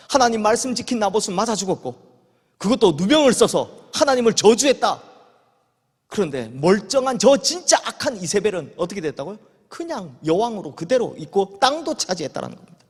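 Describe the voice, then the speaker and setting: Korean pastor guy preaching, high lively voice, lots of church hall echo, acts out the quotes. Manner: animated storytelling, acting out quoted voices. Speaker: senior pastor. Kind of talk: sermon. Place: church sanctuary. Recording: long church hall reverb.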